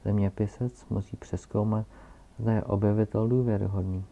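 A self-important old scholar who lectures in a loud, booming storybook voice, as a man reads him aloud. He speaks low and gravelly with a dark, mellow tone. The recording sounds dull and lo-fi. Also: fairly even intonation. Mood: pompous.

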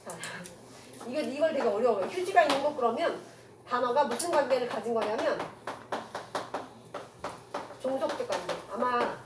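A woman teaching a classroom grammar lecture, firing quick rhetorical questions at her students and mixing casual with polite speech. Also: fairly high pitch, animated. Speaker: Korean language teacher. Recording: echoey room from far off, noisy.

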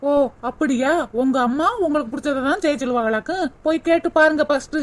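A woman's voice: sits high, quick pace, natural voice. A woman voicing a young daughter-in-law in a cartoon, making wry, complaining asides with a southern Tamil accent. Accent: southern Tamil, Tirunelveli.

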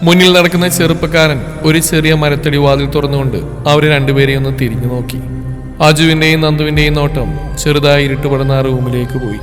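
Soft-spoken male story narrator, reverb. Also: fairly high pitch, steady tone, brisk. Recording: long reverb with faint music.

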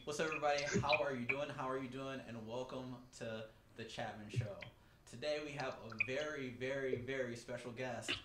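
Podcast host, man in his forties, casual and upbeat, lots of "um"s, echoey room with steady background hiss. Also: mid-range voice, brisk. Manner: upbeat, repeats himself, many fillers. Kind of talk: casual interview. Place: small home studio. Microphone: desk mic on a stand.

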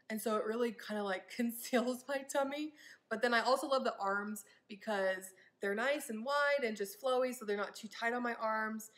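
A woman's voice: on the high side, fairly bright tone. A young woman chatting casually in a try-on haul vlog, upbeat and rambling with frequent ums. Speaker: vlogger.

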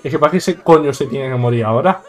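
A man's voice: medium pitch, fast talker, over loud music. Joking Spanish man playing a game. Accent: Spain Spanish. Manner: joking, exclamatory, laughs often. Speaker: gaming YouTuber. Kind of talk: let's play commentary.

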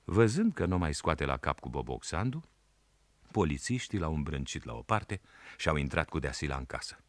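A man narrating a historical story in a measured, storytelling manner. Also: very deep voice, very animated, no echo.

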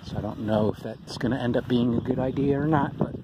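A middle-aged man records a casual trail vlog outdoors on a handheld camera. He rambles easily with plenty of ums. Outdoor noise is clearly heard behind him, and his voice sits at an ordinary pitch for a man. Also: fairly even intonation, fast. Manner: chatty, rambling, with ums and uhs. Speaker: thru-hiker vlogger.

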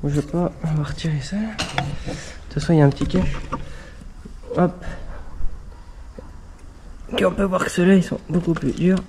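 There's background noise as a man with a slightly high voice explains a car repair outdoors in the rain. He talks at normal speed but pauses often, chatting casually to his viewers in a how-to vlog with lots of fillers.

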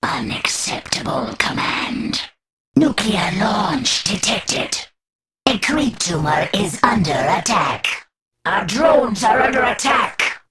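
A woman playing a menacing alien insect hive queen as a video game announcer, cold and imperious with a breathy, hissing, deliberate delivery. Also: medium pitch, very animated. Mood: urgent alarm. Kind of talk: video game announcer alerts, short scripted lines.

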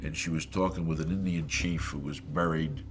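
Man with a very deep voice recounting gravely, loud music underneath. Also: steady tone, normal speed.

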